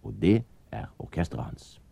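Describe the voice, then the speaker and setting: A man's voice: dark tone, dry recording, lightly acted. A man voicing an eccentric, suspicious male detective in a storybook reading, with a hammy, exclaiming delivery. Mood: friendly.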